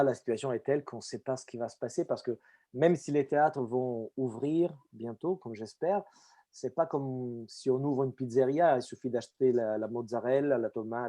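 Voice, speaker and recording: A middle-aged man from Italy with an Italian accent, talking in an animated, expressive way as a guest actor in a casual conversation. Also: mid-range voice.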